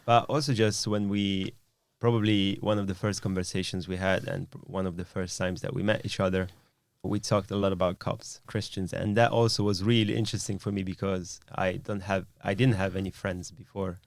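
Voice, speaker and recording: A podcast host with a low, steady, creaky voice talks at normal speed, barely pausing. The casual chat is thoughtful and rambling, full of fillers like "you know," with no room sound.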